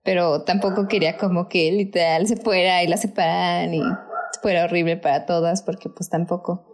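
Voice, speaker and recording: Woman, young, casual podcast chat, animated, laughs often. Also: normal speed, background noise. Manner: animated, laughs often, acts out her own reactions in high squeals. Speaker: podcast co-host.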